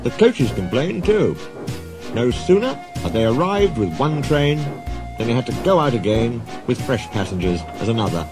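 A man reading a children's story aloud in a measured, expressive way. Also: medium pitch, over music. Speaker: narrator.

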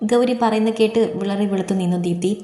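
A woman narrating a radio love story in a steady, plain reading. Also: medium pitch, fast talker. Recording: echoey reverberant room.

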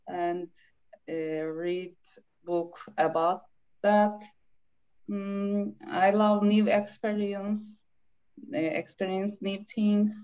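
Slow, hesitant Turkish-accented woman. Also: mid-range voice. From Turkey. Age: 30s. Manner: hesitant, many "uh" pauses, soft laughs. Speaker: language student. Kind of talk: self-introduction on a video call. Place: small room indoors. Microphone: laptop webcam on a video call. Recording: dull lo-fi video call audio.

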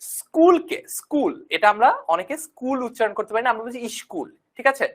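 A woman's voice: fairly high pitch, racing, fairly bright tone. A young woman teaching an online class, repeating key points and often checking that students follow. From Bangladesh.

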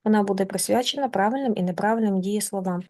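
A Ukrainian-accented woman teaching beginner English grammar, reading example sentences slowly and translating them, affectionate toward her students. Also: medium pitch, dark tone. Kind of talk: grammar lesson explained in Ukrainian.

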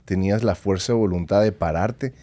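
Male podcast host, very low, mellow voice, supportive prompts. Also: a little fast, no echo. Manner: supportive, brief prompts and follow-up questions. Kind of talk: interview questions.

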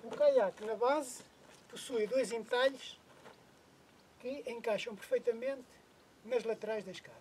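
A man's voice: very high-pitched, a little slow, pauses often. A middle-aged man with a European Portuguese accent, the host of a kayak fishing channel, patiently explaining a DIY setup step by step outdoors on a lakeshore, with the odd hesitation. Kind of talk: DIY how-to narration.

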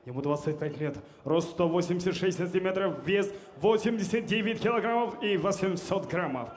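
A man's voice: sits high, normal speed. A young man working as a boxing ring announcer, formal and emphatic, delivering dramatic introductions on a handheld microphone. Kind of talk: theatrical boxing ring announcing, building to drawn-out shouted names. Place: large indoor boxing hall, in the ring. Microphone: handheld microphone through venue speakers. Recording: hall PA, long reverb, clear background noise. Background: hall ambience.

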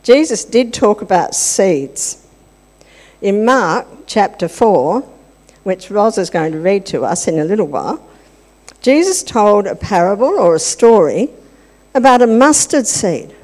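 Speaking a little slowly in a medium-pitched, sing-song, slightly mellow voice, an older woman leads children through a playful church-service talk, chatting and asking questions. She uses a handheld mic in a large hall with the congregation, where a long reverb hangs on her words.

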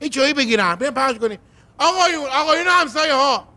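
A man's voice: very high voice, animated, pushed and bright, heavily acted. A man voicing a fussy, indignant male puppet neighbor who complains sarcastically in a TV puppet comedy.

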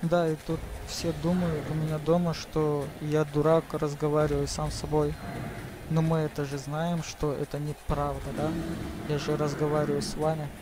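A man hosting a gaming channel, chatting casually to viewers in slang and exclaiming as he plays, over loud game music. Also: a little high, monotone, normal speed, background noise. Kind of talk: casual let's play commentary. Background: game music and sound.

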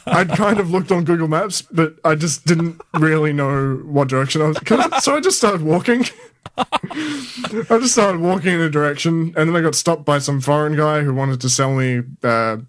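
A man's voice: fairly high pitch, expressive, unhurried. An Australian man co-hosting a podcast, telling rambling stories in casual chat and laughing often. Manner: giggly, rambling storyteller. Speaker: podcast co-host.

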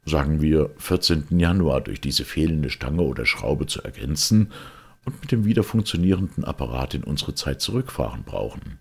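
A man's voice: very deep voice, animated, moderate pace, creaky, slightly rough, pitched above the performer's own voice, exaggerated voice. A man voicing the story's hesitant male first-person narrator, who asks and reasons cautiously, in an audiobook. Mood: doubtful.

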